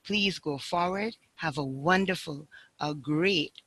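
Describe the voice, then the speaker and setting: Slow, bright-voiced woman host. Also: deep voice, husky, low-quality recording. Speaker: call host. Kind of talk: hosting a conference call.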